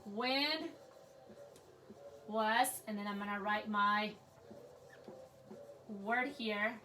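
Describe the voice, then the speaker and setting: A woman's voice: medium pitch, bright, forceful tone, slight background noise. A woman teacher giving a grammar lesson, speaking patiently and checking in with "okay?" while writing at a board. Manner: slow, patient, repeats "okay?" often. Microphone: writing at a board while talking.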